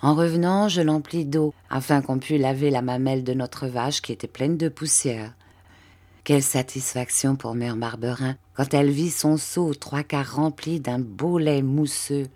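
Low-voiced woman reading a novel aloud. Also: fairly even intonation, mellow. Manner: measured storytelling, lifting her voice for quoted characters. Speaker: audiobook reader. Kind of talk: audiobook narration of a classic novel.

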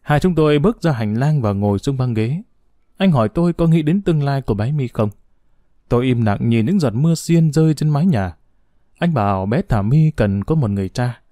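Dark-toned male storyteller. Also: medium pitch, lively intonation, brisk, no room sound, studio quality. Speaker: story narrator. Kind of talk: scripted narration.

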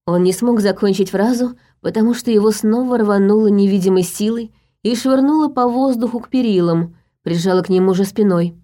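Woman narrating an audiobook, mellow tone. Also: medium pitch, a little fast. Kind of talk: scripted narration.

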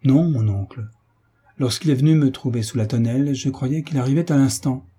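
A man's voice: mid-range voice, brisk, dark tone, husky, pitched above the performer's own voice, lightly acted. A man reading as an earnest young officer.

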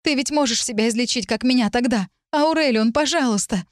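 A woman's voice: fairly high pitch, brisk, no room sound, studio quality, voice pushed up, lightly acted. A woman voicing a frantic young heroine. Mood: desperate pleading. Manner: pleading, tearful. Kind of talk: audiobook dialogue.

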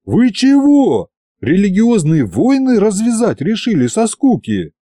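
A man's voice: sing-song, moderate pace, darkish tone, no echo, clean studio sound, natural voice. A man voicing an exasperated young male hero who pleads and protests. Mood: frantic. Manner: high-pitched and agitated, pleading.

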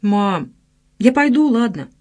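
A woman voicing a cheerful young man just back from army service, speaking with lively pitch swings in an audiobook reading. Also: slow pace, full character voice. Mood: eager, coaxing.

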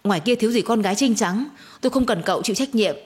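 A heartbroken young woman, played by a woman reading the story, sobbing and pleading in a high, rushed, tearful voice. Her husky, breathy tone cracks with despair. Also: close to an everyday voice.

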